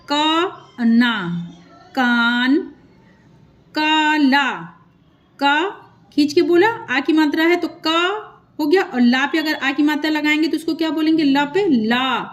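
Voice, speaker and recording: A woman with a high, light voice teaches a children's script lesson. She speaks slowly and patiently into a close mic. She stretches each syllable and repeats sounds so young learners can follow. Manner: slow, patient, drawn-out syllables.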